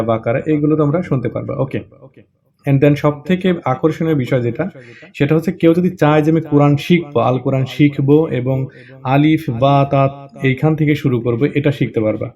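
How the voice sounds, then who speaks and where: A man's voice: mid-range voice, warm tone. A man casually presenting an app tutorial, chatty, with frequent check-ins and hesitation fillers.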